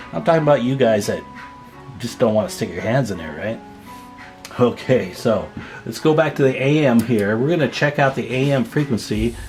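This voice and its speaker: This man's voice sits at medium pitch with a darkish quality. He's a radio repair technician and video host giving an easygoing, folksy demonstration at an indoor test bench, talking through his thoughts while he works.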